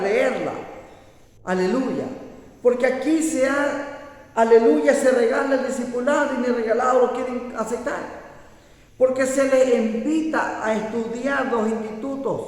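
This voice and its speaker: A man's voice: sits high, a little mellow. A man pastor preaching a sermon, scolding and emphatic, often breaking in with hallelujahs. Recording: echoey hall reverb.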